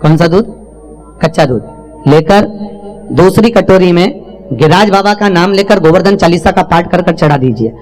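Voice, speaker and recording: High-voiced exhorting male preacher. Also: lively intonation, normal speed, pauses often, darkish tone, soft background music. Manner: exhorting, calls for audience response. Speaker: religious storyteller. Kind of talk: devotional sermon.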